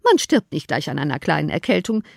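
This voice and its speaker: A dry, sardonic older father , as a woman reader puts him on, speaks in a low voice that drops below her own. He sounds unhurried and wry, recorded close and dry. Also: sing-song, creaky, no room sound, exaggerated voice.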